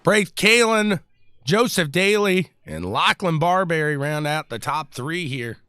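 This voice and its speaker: Man, race commentator, high voice, dry close mic, chatty and excitable. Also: unhurried, clear, resonant tone, no echo. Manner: excitable, chatty, hollers and laughs between calls. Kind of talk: live sim-racing commentary.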